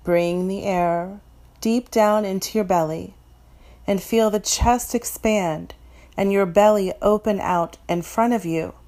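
A woman from Florida leading a guided meditation in a soft, calm, instructive way. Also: mid-range voice, slow.

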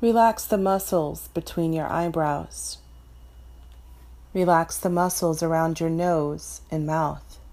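Slow, calm woman guiding meditation. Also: low-pitched. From Florida. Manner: slow, soft, calm instructions. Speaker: meditation guide. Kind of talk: guided meditation.

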